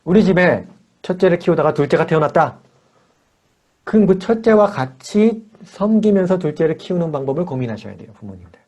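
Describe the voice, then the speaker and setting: On a video call, a man with a fairly high voice and a fairly quick pace leads a church character-training class for children and parents. He brings energy to it, acting out mini exchanges with the kids.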